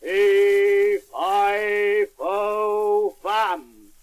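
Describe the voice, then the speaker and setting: A man putting on a slow booming giant. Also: flat delivery, a little hiss or hum. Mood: menacing. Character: huge cruel man-eating male giant. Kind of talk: storybook reading.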